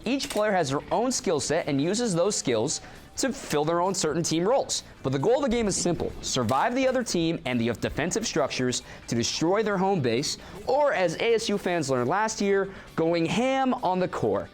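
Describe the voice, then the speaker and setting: A man's voice: sits high, normal speed. A young man co-anchoring a student sports show, reading scripted stories and trading playful banter. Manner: lively, animated delivery with playful ribbing.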